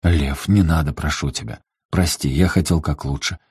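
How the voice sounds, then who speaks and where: Male narrator as a hurt, pleading father, soft-spoken, low and warm. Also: moderate pace, breathy edge, dry recording, studio quality, exaggerated voice. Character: pleading aging father, wounded and remorseful.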